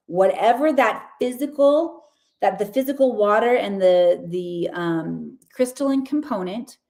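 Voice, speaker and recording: With a medium-pitched, darkish voice, this podcast host and Akashic reader delivers a spiritual reading that's chatty, upbeat and full of casual slang.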